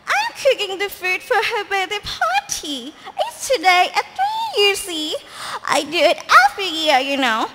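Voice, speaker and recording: A woman's voice: extremely high pitch, a little slow, heavy background noise, pitched above the performer's own voice, full character voice. A squealing, giddy old witch, played by a woman. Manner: squealing, excited. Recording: echoey hall.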